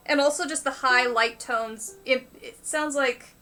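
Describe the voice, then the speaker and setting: A woman chatting casually on a live stream about learning the banjo, talking with quick enthusiasm and muttering to herself between phrases. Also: high voice, steady tone. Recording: banjo music behind. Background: banjo playing.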